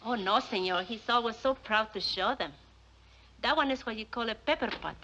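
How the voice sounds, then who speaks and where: An actress playing an eager, loyal housemaid, in 1940s western film acting. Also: female voice, fairly high pitch, moderate pace, sharp tone, slight background noise, low-quality recording. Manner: eager, deferential.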